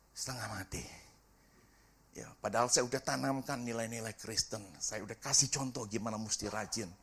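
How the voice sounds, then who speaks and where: A middle-aged man, a pastor preaching a sermon and telling a family story with lively acted-out dialogue. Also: medium pitch, breathy edge. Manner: animated storytelling, acts out family dialogue, sings briefly.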